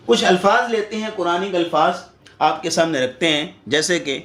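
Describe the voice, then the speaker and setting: High-voiced man drilling recitation syllables. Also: lively intonation, fairly bright tone, roomy sound. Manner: slow, deliberate syllable drilling with repetition. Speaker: Quran recitation teacher. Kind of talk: tajweed lesson with drilled syllables.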